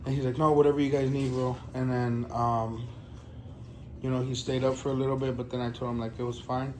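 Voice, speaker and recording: A young man telling a story in a casual vlog, animated and profane, full of fillers. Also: mid-range voice, a little fast, slight background noise, poor audio. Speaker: vlogger.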